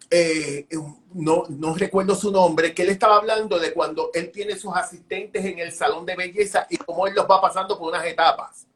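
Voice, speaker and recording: High-voiced animated man telling stories. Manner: animated, acts out dialogue, repeats words. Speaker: hairdresser. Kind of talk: storytelling interview chat.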